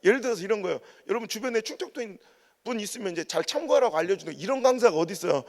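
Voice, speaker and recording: A Korean man raised in Chungcheong preaches a revival sermon as a pastor, racing in a high, expressive voice. He tells humorous stories with mimicked dialect quotes, and the large church sanctuary adds a long reverb.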